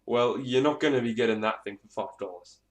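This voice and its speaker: A hobbyist presenter gives a casual, hands-on gear demonstration, rambling off the cuff and swearing a bit. His voice is medium-pitched and fairly quick, recorded in an echoey room with clear background noise and clicks.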